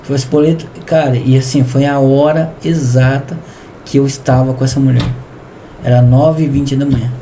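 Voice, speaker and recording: A Brazilian man with a Brazilian Portuguese accent, a podcast guest telling a testimony in a lively way, often calling the host "irmão" and acting out dialogue. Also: mid-range voice, normal speed, a little hiss or hum. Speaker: podcast guest, business founder. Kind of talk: animated testimony storytelling.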